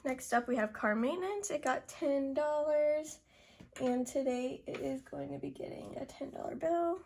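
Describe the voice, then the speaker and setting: A woman's voice: sits high, moderate pace, creaky, darkish tone, slight background noise. A young woman, slightly out of breath, narrating a task casually and counting amounts aloud step by step. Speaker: budgeting video host.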